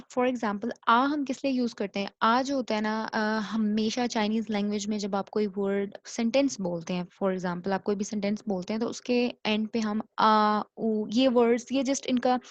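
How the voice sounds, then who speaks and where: A woman teaching a recorded language lecture, repeating each word slowly so learners can copy it and mixing English into her explanations. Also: mid-range voice, no echo. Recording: dull lo-fi recording.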